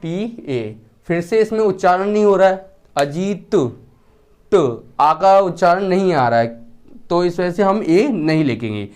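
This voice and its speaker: A man teaching a lesson. He asks questions, answers them himself, and repeats the key words slowly with a falling pitch. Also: expressive, smooth. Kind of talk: classroom-style lesson.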